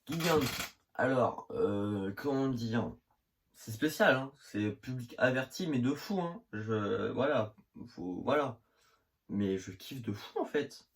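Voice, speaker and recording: A man's voice: mid-range voice, expressive, slow pace. Young northern French man, slangy rambling. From northern France. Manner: rambling with many fillers and slang. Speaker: manga vlogger. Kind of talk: casual video chat about his manga collection. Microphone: phone camera. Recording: phone recording with faint hiss.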